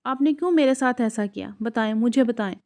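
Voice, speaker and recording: A woman's voice: a little high, darkish tone, lightly acted. A woman voicing a childish, stubborn young bride who whines and protests in a storybook reading. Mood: petulant. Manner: petulant, whiny.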